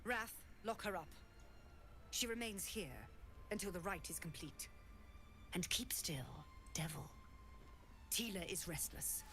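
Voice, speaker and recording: A woman's voice: lowish voice, unhurried, pauses often, pushed and bright, faint music behind. A woman playing a haughty, merciless druid leader in a video game, commanding and theatrical in her threats. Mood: contemptuous, menacing. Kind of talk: dramatic video game acting.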